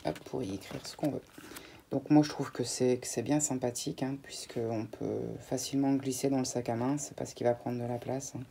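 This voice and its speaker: Mellow-voiced chatty woman vlogger. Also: extremely low pitch, steady tone, a little fast, gravelly, slight background noise. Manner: chatty, addresses viewers, frequent fillers and restarts. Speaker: beauty vlogger. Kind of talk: casual unboxing chat.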